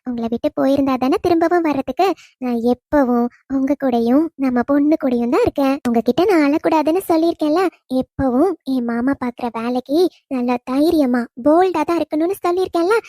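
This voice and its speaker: Cartoon: loving ghost wife, high mellow voice, teasing, woman performer. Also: fairly quick, dry recording, clean studio sound, close to an everyday voice. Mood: tender teasing. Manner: affectionate teasing, soft laughs. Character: young wife's gentle spirit, teasing and loving. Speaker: dead wife visiting husband. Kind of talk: cartoon voice acting.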